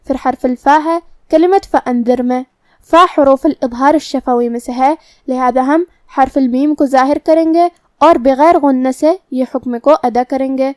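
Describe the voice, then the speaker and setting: A woman teaching Quran recitation rules, explaining each word methodically, then reciting it slowly and drawn out. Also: sits high, darkish tone, no room sound, clean studio sound.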